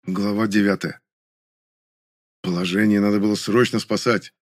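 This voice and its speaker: Male audiobook narrator, lowish voice, steady scripted first-person reading. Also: normal speed.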